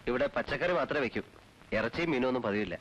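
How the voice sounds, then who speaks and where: A man's voice: medium pitch, lively intonation, quick pace, a bit bright, highs cut off, a little hiss or hum, lightly acted. An actor playing a devout middle-aged man who heads a traditional household, speaking in a stern, formal way that turns earnest. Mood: gentle. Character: devout middle-aged man, strict but kind-hearted. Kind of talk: 1980s film drama.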